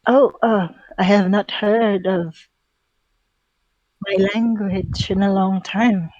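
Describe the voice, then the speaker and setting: A woman voicing a frail, kindly old elf woman who is blind, with halting, formal, gentle speech. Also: medium pitch, steady tone, no echo, dull audio.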